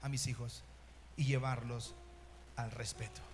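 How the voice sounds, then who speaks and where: A middle-aged man with a Mexican Spanish accent, preaching an animated sermon as pastor and mimicking children and parents. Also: medium pitch, measured pace, slight background noise. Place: church hall. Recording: long reverb in a church hall, music behind.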